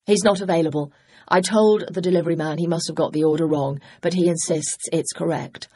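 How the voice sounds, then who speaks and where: A woman reading an audiobook, voicing a housekeeper who speaks in a flat, bored way. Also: lowish voice, a little fast, breathy edge, no echo.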